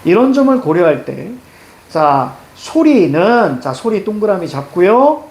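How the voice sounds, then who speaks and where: A man's voice: high-pitched, normal speed, creaky, echoey room. A man teaching a reading lesson for exams, walking students through a passage and prompting them with questions. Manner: lively, repeats "자" constantly, prompts students with questions.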